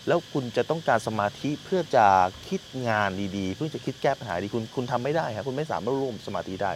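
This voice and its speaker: A man's voice: medium pitch, lively intonation, fast, noisy background. A man, a business coach hosting his podcast, explaining a technique in a casual, earnest way with everyday examples, recorded outdoors at a forest temple. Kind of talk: casual teaching monologue.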